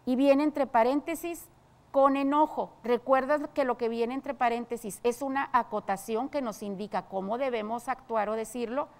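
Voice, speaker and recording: A woman teaching a televised secondary school class, explaining step by step and pausing with "eh". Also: a little high, darkish tone.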